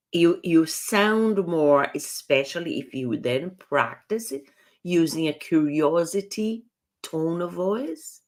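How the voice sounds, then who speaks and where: Woman, communication coach, live talk; low pitch, slow, earnest explainer who restarts phrases.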